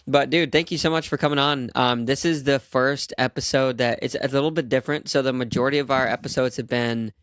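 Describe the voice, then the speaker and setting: A man's voice: mid-range voice, steady tone, a little fast, hardly any pauses, fairly bright tone, dry recording, studio quality. A man hosting a podcast, chatty and friendly, asking his guest questions with lots of fillers. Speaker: podcast host. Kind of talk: casual interview conversation.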